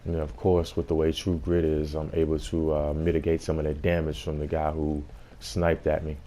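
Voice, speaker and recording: A man's voice: rumbling low, completely flat delivery, normal speed, mellow, slight background noise. A man giving a casual gameplay tutorial as host, explaining things in an informal way.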